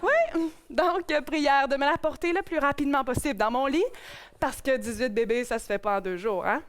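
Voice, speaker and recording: A young Québécois woman hosts a live cabaret, starting the night with a stand-up monologue aimed at the audience. Speaking in a high voice at a moderate pace, she keeps things playful and pokes fun at herself.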